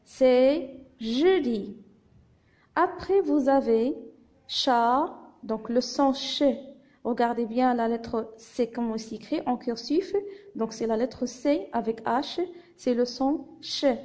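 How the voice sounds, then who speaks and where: Moroccan woman as primary teacher; slow, careful syllable-by-syllable reading lesson. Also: on the high side, warm tone. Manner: spells out syllables and letter sounds patiently. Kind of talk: slow phonics lesson to young children.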